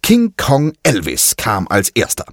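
A man narrating a children's storybook in an expressive, leisurely way. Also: lowish voice, unhurried, dry recording, clean studio sound.

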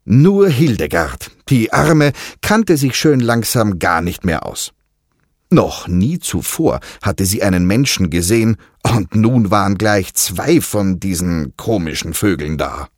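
A man narrating a children's storybook in an expressive, leisurely way. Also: fairly low pitch, slow, no echo, studio quality.

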